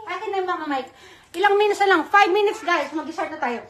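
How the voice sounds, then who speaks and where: Woman, live-stream host, casual chatty shout-outs, sharp bright tone, very high voice. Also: brisk, slight background noise. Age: adult mother. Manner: chatty, reads viewer comments and gives shout-outs. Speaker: livestream host running a giveaway.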